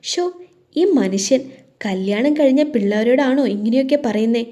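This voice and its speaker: Woman doing a fond, nagging mom, mellow, audio-story family scene. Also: on the high side, normal speed, close to an everyday voice. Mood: scolding. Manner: scolding, affectionate. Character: fond, scolding middle-aged mother.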